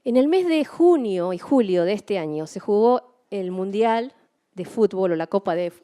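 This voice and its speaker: Animated woman preaching a sermon. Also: medium pitch, normal speed. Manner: animated storytelling, acting out her own excited shouts.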